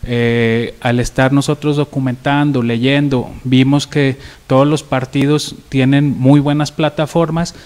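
A man in his thirties from Zacatecas with a Mexican accent, answering interview questions in an earnest, measured way. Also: medium pitch, flat delivery, a little mellow. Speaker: interview guest, local politician. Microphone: handheld microphone.

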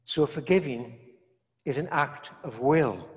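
Slow older priest in an echoey church. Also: male voice, mid-range voice, animated, breathy edge. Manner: slow, measured preaching with long pauses between phrases. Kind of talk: sermon. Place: large stone church, indoors.

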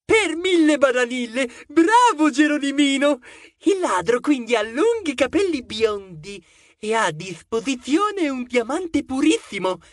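A man voicing a boastful, excitable male mouse sidekick who talks eagerly. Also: very high voice, unhurried, no echo, clean studio sound, voice pushed up, full character voice.

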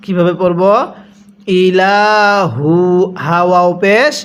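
A man teaching Quran reading. He sounds out each syllable slowly, asks how to read it, and prompts the viewer to repeat after him. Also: high voice. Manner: spells out syllables slowly, then explains quickly. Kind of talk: Quran recitation lesson.

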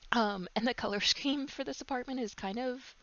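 A young woman with a stuffy nose giving relaxed, chatty voice-over commentary on her game build, full of ums and likes. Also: a little high, normal speed, no echo. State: stuffed up with a cold. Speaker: gaming YouTuber. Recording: slightly dull lo-fi mic.

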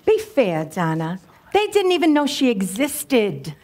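A woman's voice: fairly high pitch, huge pitch swings, unhurried, darkish tone. A woman playing a teasing, wisecracking old friend. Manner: teasing, laughing. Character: teasing, loud-laughing woman, old friend of the bride's mother. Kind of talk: amateur stage acting.

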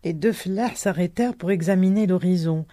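A reader narrating a novel aloud in slow, measured prose. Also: medium pitch, mellow, no room sound, clean studio sound.

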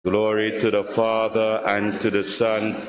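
A man leading a church service at a pulpit microphone, reading prayers and scripture in a measured, solemn way. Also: lowish voice, monotone, crowd noise. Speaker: officiant leading worship. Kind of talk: liturgical reading. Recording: long church reverb with background hiss.

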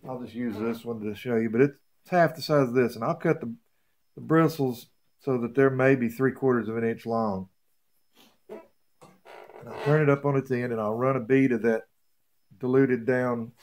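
A man's voice: mid-range voice, darkish tone. A man demonstrating a woodworking job in his home workshop, talking in a plain-spoken, folksy way with rambling asides. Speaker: beekeeper showing a woodworking build. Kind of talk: casual how-to demonstration.

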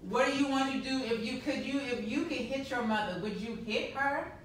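A woman coaching an acting class, animated and pushing her student hard. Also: high-pitched, a little fast, slight background noise. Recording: roomy distant room mic.

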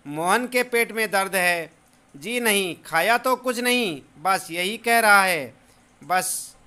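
A man's voice: sits high, lively intonation, slow pace, sharp tone, smooth, full character voice. A man reading the part of a puzzled father who explains his son's odd complaint and answers the doctor on the phone. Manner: explaining, bewildered. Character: puzzled father of a sick boy.

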